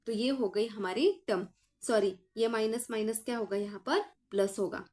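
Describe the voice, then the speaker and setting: A woman teacher with a fairly high voice works through a math lesson one step at a time. She keeps asking her students what comes next and answers right away, in a patient, explaining tone. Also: steady tone, normal speed, darkish tone. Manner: explains aloud, asks the class questions and answers them herself; addresses students as children.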